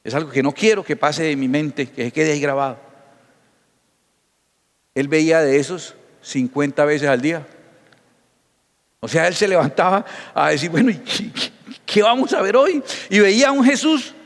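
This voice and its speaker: Pastor, animated storyteller, slightly high voice, long hall echo. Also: male voice. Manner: animated storytelling with acted dialogue. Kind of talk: sermon.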